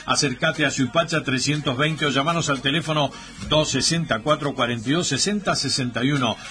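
Argentine man reading radio spots, bright and punchy, faint music behind. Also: mid-range voice, fairly quick. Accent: Argentine Spanish. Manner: emphatic, repeats key details. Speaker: radio co-host and ad reader. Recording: radio broadcast with music bed.

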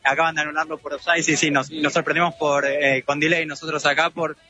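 A man's voice: on the high side, level tone, fast talker, bright, forceful tone, dull audio, slight background noise. A man with an Argentine accent reporting from a crowd of fans, doing friendly street interviews for radio. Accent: Argentine Spanish. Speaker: field reporter.

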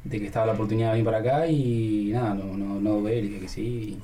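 A young man with an Argentine accent, a football player giving hesitant, soft-spoken answers in a radio interview. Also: fairly low pitch, fairly even intonation, fast talker, slight background noise. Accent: Argentine Spanish.

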